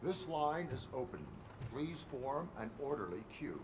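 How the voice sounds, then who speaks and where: An actor playing a stern cyborg police officer who speaks in flat, clipped, procedural lines. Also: male voice, mid-range voice, unhurried. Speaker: police officer at a complaints desk. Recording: video game audio with loud background noise.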